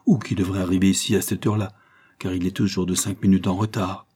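A man's voice: low-pitched, flat delivery, fast, a little mellow, slightly rough. A man voicing a bitter young husband. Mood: cool. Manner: bitter, impassioned pleading. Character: brooding young male lawyer, wounded husband. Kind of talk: audiobook character reading.

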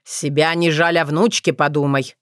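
A woman voicing an arrogant, cruel male sorcerer in a storybook reading, taunting in a slow, sneering way. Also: deep voice, level tone, no room sound, clean studio sound, natural voice. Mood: mocking.

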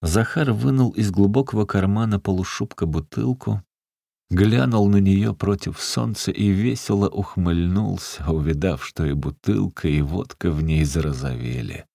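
A man narrates a literary story in a measured, unhurried way. His voice is very deep and gravelly. The recording is dry and close. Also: mellow, no echo. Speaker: audiobook narrator.

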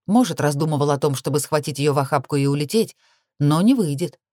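Low-voiced woman reading a fantasy novel. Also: animated, fast, a little mellow, no room sound, clean studio sound. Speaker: audiobook reader. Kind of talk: first-person fantasy narration.

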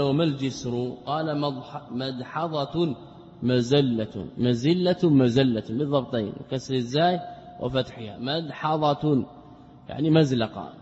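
A man giving a religious lesson, explaining a classical text, repeating words, asking rhetorical questions and slowing down to recite quotations. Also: mid-range voice, a little mellow. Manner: slows down when reciting quoted texts. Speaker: religious teacher. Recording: dull lo-fi lecture recording with long reverb.

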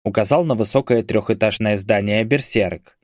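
A man's voice: on the low side, normal speed, dry recording. Dry male audiobook narrator.

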